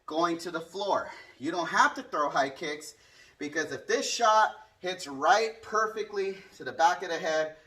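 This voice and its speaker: A man's voice: fairly high pitch, lively intonation, unhurried, sharp tone. A man working as a martial arts instructor, explaining a hands-on demonstration casually and punctuating it with short counts and strike sounds. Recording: distant microphone.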